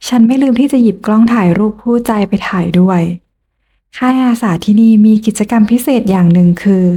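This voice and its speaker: A woman narrating a romance novel audiobook in the first person, in a calm, even storytelling manner. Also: mid-range voice, brisk.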